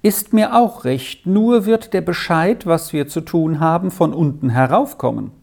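A reader voicing a calm, practical farm wife in a storybook, speaking matter-of-fact. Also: mid-range voice, measured pace, creaky. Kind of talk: storybook narration.

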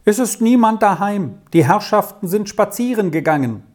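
A reader voicing a composed farmer's wife who speaks calmly and unhurriedly. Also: mid-range voice. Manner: calm and unhurried.

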